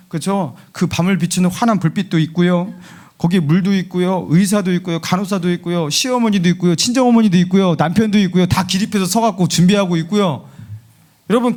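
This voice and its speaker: A male pastor preaches a sermon in a lively storytelling manner. He keeps asking the congregation rhetorical questions. His voice sits notably high for a man.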